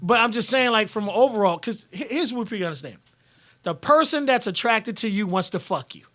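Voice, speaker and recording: A man's voice: sits high, fairly quick. A man hosting a live stream, reading viewer comments and talking bluntly with lots of swearing. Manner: blunt and profane, animated.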